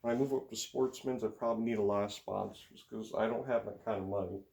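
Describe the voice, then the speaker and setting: A teen racing vlogger from the United States talks fast in a fairly low, steady voice that's creaky and a little mellow. His Upper Midwest accent comes through as he rambles hesitantly in a casual monologue, full of fillers and sighs.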